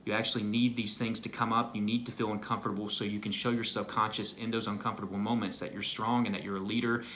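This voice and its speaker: A man's voice: lowish voice, level tone, quick pace, a bit bright, a little hiss or hum. A man speaking as an anxiety recovery coach, giving an earnest, motivational self-help talk and often checking in with "right?" and "you know".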